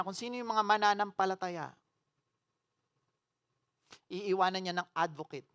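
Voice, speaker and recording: With a lowish voice, this woman pastor moves from loud declarations to quiet, earnest appeals during her sermon. She questions the congregation and slips English phrases into her preaching.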